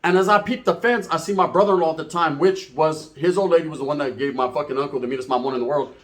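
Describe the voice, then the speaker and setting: Speaking fast with a slightly high voice, a middle-aged man spins a funny story in an informal way. He brags and swears, drifts off on tangents, and keeps tossing in tag questions to check in.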